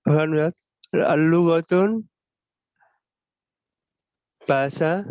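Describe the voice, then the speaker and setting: A man reciting vocabulary as a student in an online class, slowly and hesitantly. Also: a little high, darkish tone, smooth, no room sound, dull audio. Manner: slow, hesitant recitation with pauses.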